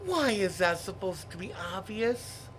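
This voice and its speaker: A man's voice: high-pitched, big pitch swings, unhurried, fairly bright tone, soft background music. A man co-hosting a comedy show, reacting to a plot in an exasperated, mocking way. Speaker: co-host reacting to the script. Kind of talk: comedic banter.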